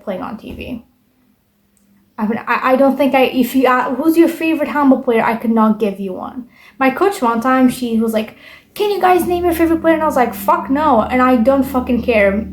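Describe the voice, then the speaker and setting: A woman's voice: fairly high pitch, a little mellow. A young woman vlogging in a casual, rambling monologue, bitter and full of swearing. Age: young adult.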